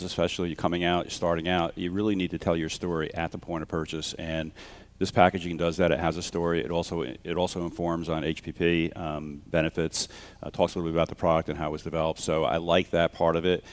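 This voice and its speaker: Deep, quick-talking male judge. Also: level tone. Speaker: competition judge. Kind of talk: off-the-cuff panel critique.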